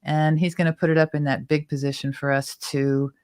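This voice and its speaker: A woman's voice: low voice, level tone, fairly quick, a little mellow, clean tone, dry recording, clean studio sound. A woman hosting a tarot talk show, chattily explaining the cards and their symbols at length. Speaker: tarot reader and show host.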